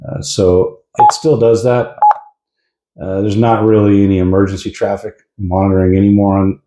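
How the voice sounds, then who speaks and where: Seated at a desk indoors, an American man reviews a product informally, a bit hesitant as he explains its features. His dark voice sits on the low side with little pitch movement and a moderate pace. He's a radio reviewer, and the recording has a roomy, echoing sound.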